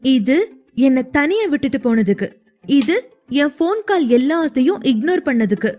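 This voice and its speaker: A hurt young wife in a spoken audio drama, voiced by a woman narrator, lashing out between tears. Her voice jumps high above the narration, and the tone stays mellow with faint music in the background. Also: sing-song, normal speed. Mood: fierce. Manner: sharp, weepy outbursts.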